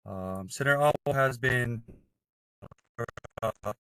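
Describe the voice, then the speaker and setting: Staffer's update over a choppy video call, man, bright voice, dry sound. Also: medium pitch, slow, clear, resonant tone, no echo, poor audio. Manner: reads updates with many fillers. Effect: voice over a video call, breaking up. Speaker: legislative office staffer. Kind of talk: giving updates at a community meeting.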